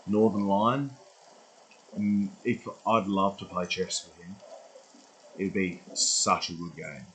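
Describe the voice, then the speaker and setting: A man's voice: low voice, steady tone, slow pace, long pauses, fairly bright tone, slight background noise, poor audio. A man in his twenties rambling through a casual vlog monologue, swearing freely and losing his track. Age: 20s. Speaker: vlogger.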